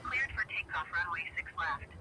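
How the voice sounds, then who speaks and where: A man speaking as an air traffic controller heard over a cockpit radio headset, giving rapid clipped clearances. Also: on the high side, lively intonation. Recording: noisy distant radio audio.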